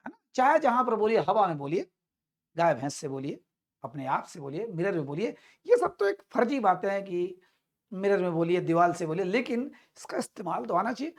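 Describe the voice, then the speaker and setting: A woman teaching English vocabulary in a spoken lesson. She repeats each word several times and keeps addressing her listeners as companions. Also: mid-range voice.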